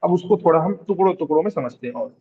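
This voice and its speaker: A man teaching Quranic recitation rules in a slow classroom lecture with a Hyderabadi Urdu accent, repeating terms, asking the class questions and drawing out vowels to show their length. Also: on the high side, animated, lo-fi sound. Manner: draws out vowels to demonstrate elongation. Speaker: tajweed teacher.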